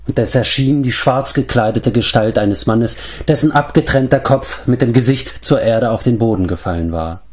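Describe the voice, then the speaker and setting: A man's voice: lowish voice, darkish tone. Man reading a fantasy audiobook. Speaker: audiobook reader. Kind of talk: scripted narration of a fantasy novel.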